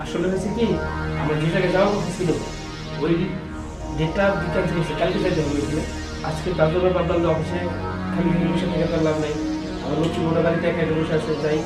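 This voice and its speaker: A man's voice: on the high side, steady tone, quick pace, pauses often, natural voice. A man with a Bangladeshi Bengali accent playing an indignant husband, scolding emphatically in a short-film melodrama. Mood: calm, affectionate. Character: indignant, gullible husband and master of the house. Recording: echoey, distant mic, loud music behind.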